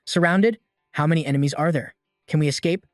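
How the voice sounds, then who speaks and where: A man voicing an eager, excitable young man who fusses kindly over a boy in a storybook recap. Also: a little high, fairly quick, no echo, studio quality, faint music behind, lightly acted. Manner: eager, fussing.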